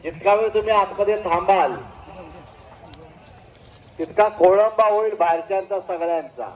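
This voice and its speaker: A man announcing at a temple fair through a loudspeaker, formally instructing the crowd and welcoming guests. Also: high voice, normal speed. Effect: through a public-address loudspeaker. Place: outdoor village temple fair. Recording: muffled loudspeaker amid a crowd.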